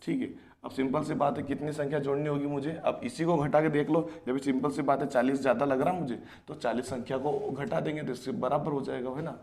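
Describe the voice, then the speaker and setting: Male tutor, mid-pitched, step-by-step explainer, addresses kids directly. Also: steady tone, a little fast, darkish tone, a little hiss or hum. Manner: explains step by step, often asks and answers himself; addresses students as children, repeats key phrases. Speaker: teacher. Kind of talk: online math lesson.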